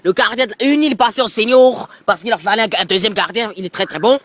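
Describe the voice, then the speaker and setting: A brash, bigoted middle-aged football coach with an Alsatian accent, as a man puts him on for a prank call. He rambles and pushes, tacking little tags onto every sentence in a rather high voice. It sounds like he is speaking with a phone held close to his mouth. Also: quick pace, a bit bright, no room sound. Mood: pushy. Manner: pushy, rambling, repeats filler tags. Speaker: prank caller.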